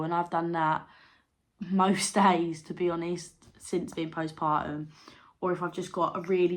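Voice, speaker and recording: A young woman chatting candidly to camera as a vlogger, rambling with fillers. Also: on the low side. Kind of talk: casual chat to camera.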